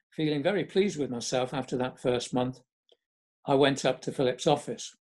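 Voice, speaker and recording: A man's voice: mid-range voice, darkish tone. An older man telling a memoir story in a chatty, wry way.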